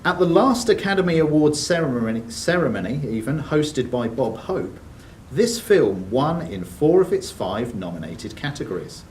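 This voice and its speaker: A quizmaster in a sports and social club room reads scripted questions and adds brief banter between them. His medium-pitched voice swings widely in pitch and is a little mellow, moving at a moderate pace with hardly any pauses. Faint background noise comes through a distant room mic.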